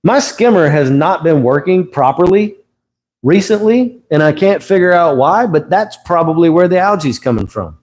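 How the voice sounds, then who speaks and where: A man's voice: a little high, animated, normal speed, darkish tone. Middle-aged male stream host, easygoing, rambly, corrects himself mid-sentence. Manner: rambling, self-correcting, chuckles often. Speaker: host of an aquarium livestream. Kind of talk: casual livestream teaching.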